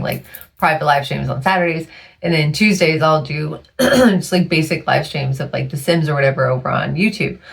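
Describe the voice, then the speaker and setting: Her voice low and gravelly, this podcast host talks alone in a chatty, weary monologue. She laughs often as her voice gives out.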